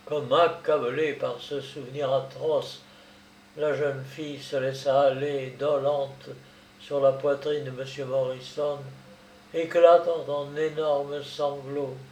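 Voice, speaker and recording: A man reading a novel aloud in a slow, measured storytelling voice. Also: mid-range voice, level tone, darkish tone, slight background noise. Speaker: audiobook narrator. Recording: roomy, distant mic.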